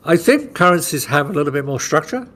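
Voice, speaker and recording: On his trading podcast, a man with a fairly high, fast voice walks listeners through chart moves in relaxed conversation, frequently checking with "right?" and animatedly acting out market scenarios.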